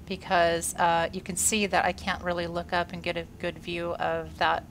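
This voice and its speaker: In a monotone at moderate pace, a gaming video creator with a low-leaning, slightly bright voice gives upbeat, chatty commentary while playing a space game, over slight background noise. She's congested and somewhat wheezy following a workout and illness, and says "uh" a lot.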